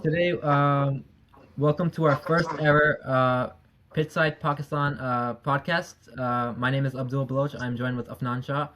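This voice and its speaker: Man, podcast host, mid-pitched, upbeat, faint background hiss. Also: flat delivery, moderate pace. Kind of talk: casual podcast hosting.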